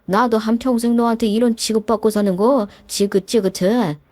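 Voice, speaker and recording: A defensive, complaining husband who argues back at his wife, voiced by a woman narrator. The voice is mellow and warm, and it is recorded dry and close. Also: a little high, fairly even intonation, moderate pace, no echo, close to an everyday voice. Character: defensive self-pitying husband.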